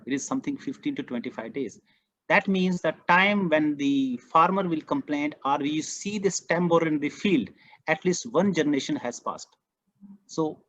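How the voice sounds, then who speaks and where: A man's voice: mid-range voice, no room sound. Indian-accented man, online trainer, earnest and emphatic, dry muffled call audio. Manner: earnest, emphatic, repeats key points. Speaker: agronomy trainer. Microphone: computer mic on a video call.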